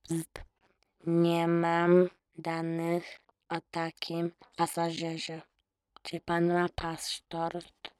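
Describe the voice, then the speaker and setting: A woman's voice: lowish voice, extremely slow, smooth, dry recording. A woman voicing a grave little robot in a children's audiobook. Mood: solemn. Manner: grave, monotone.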